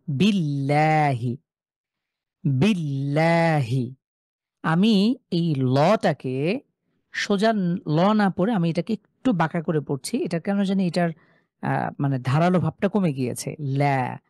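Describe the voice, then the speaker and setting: A man teaching a live online class on Quran recitation rules, explaining each rule and then reciting examples slowly and drawn out. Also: on the high side, a little mellow, no room sound, clean studio sound. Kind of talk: online tajweed lesson.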